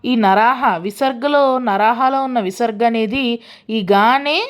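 A woman teaching a grammar lesson, slowing down for each worked example and often asking the listener if they have followed. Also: fairly high pitch. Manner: asks the listener frequent check questions; slows down to spell out worked examples.

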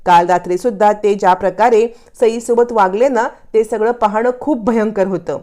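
A woman's voice: mid-range voice, normal speed, warm tone, close to an everyday voice. A woman voicing a protective young mother in a drama recap, earnest and insistent. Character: firm, protective young stepmother.

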